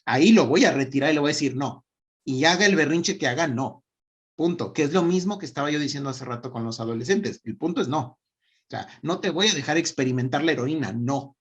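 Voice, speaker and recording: A Mexican-accented speaker gives a relaxed talk on raising children. The delivery is emphatic, with short checks at the end of points and small acted-out snippets of dialogue. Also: mid-range voice, fairly quick, husky. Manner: emphatic, tags lines with "¿no?" and "punto"; acts out little quoted dialogues. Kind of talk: casual lecture.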